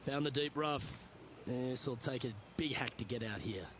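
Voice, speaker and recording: A man voicing a measured golf commentator for a game, giving short, understated remarks on each shot. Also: medium pitch, close to an everyday voice. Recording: clear outdoor ambient noise.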